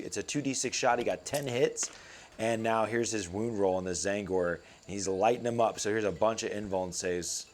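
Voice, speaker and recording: A man's voice: fairly low pitch, a little hiss or hum. A man hosting a game stream, casually commentating on a tabletop match and checking his mic levels. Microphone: desk mic at his computer.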